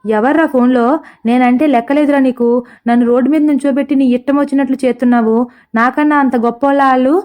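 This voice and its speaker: A woman's voice: sits high, flat delivery, a little fast, darkish tone, natural voice. A woman voicing a short-tempered rich woman who scolds sarcastically, in a comic storybook. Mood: scolding.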